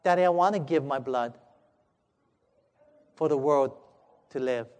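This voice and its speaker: A gentle, earnest little boy, hushed and pleading, as a preacher puts him on. The voice is quiet and sits low for the speaker. It carries a long echo, as if heard in a big hall. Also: brisk, close to an everyday voice. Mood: tender. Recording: echoey hall.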